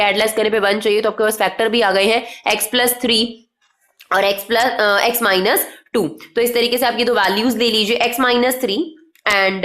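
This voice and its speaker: A woman's voice: on the high side, a bit bright. Patient woman teaching math. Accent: Indian English mixed into Hindi. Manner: patient, asks questions then answers them. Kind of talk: step-by-step math lesson.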